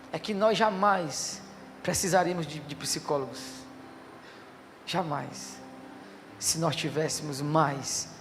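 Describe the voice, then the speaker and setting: A male pastor preaching a fervent sermon, swinging from hushed passages to loud declarations. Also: a little high, long reverb tail, slight background noise.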